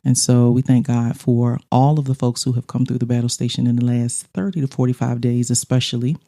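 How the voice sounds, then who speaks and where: A woman's voice: rumbling low, steady tone, a little fast, mellow. A middle-aged woman co-hosting a casual podcast chat in a studio, talkative and laughing often. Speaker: podcast co-host.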